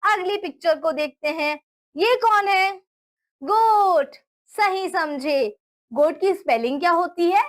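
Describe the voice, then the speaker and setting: Woman, children's teacher, high voice, slow deliberate delivery, spells out letters, encouraging. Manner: encouraging, praises often. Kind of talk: children's phonics lesson.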